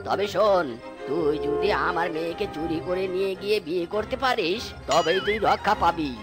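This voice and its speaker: A woman voicing a stern, scheming old male fox father in a cartoon, in a lowered bossy voice. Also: moderate pace, lightly acted. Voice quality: low put-on voice. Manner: bossy, threatening. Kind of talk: cartoon voice acting. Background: music.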